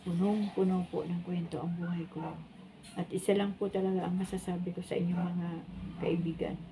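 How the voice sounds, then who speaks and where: A woman in her sixties giving a heartfelt faith testimony to her viewers, speaking earnestly and politely with frequent pauses and fillers. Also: fairly low pitch, level tone, noisy background. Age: 60s. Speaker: vlogger sharing testimony.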